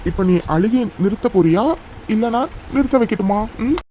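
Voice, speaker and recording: A woman's voice: mid-range voice, normal speed, warm tone, a little hiss or hum, natural voice. A woman voicing a young husband in a cartoon romance, teasing and coaxing his wife tenderly.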